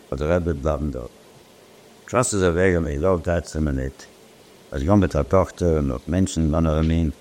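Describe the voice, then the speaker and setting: A man telling a personal story in a halting, rambling way, often restarting and repeating phrases. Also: low voice, darkish tone, a little hiss or hum.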